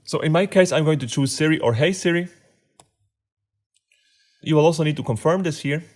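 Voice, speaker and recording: A man's voice: fairly high pitch, brisk. Man with a heavy German accent. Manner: friendly, step-by-step explaining. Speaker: tech tutorial presenter. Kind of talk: screen-recording tutorial narration.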